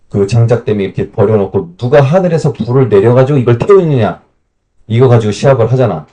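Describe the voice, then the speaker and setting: Man retelling Bible stories in a warm voice. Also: mid-range voice. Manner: lively colloquial storytelling with questions to the class. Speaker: Bible teacher. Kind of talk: Bible camp lecture.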